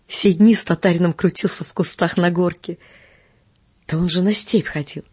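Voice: medium pitch, steady tone, moderate pace, a little mellow, slightly rough, dry recording, lightly acted. A reader voicing an old woman teacher who shrieks curses and accusations at a neighbor. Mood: fearful, vengeful. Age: older. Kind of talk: audiobook character reading.

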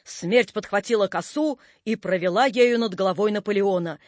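A man narrating a story in an expressive, theatrical reading. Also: high-pitched, normal speed, dry recording.

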